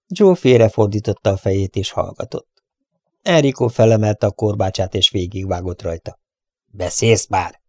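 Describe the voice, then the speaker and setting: A man narrating an adventure story in a steady, measured reading voice. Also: lowish voice, no echo. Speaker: audiobook reader.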